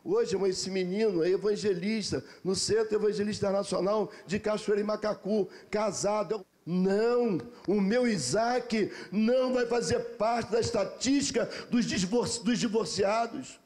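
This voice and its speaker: A man's voice: high voice, moderate pace, few pauses, darkish tone. A middle-aged Brazilian man preaching a sermon as a pastor, driving his points home with repeated phrases and personal stories.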